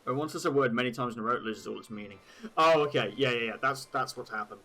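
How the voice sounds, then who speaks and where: A man's voice: mid-range voice, fast talker, sharp tone, low-quality recording. An English man chatting casually on a live stream, rambling and swearing, laughing at his own jokes. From England.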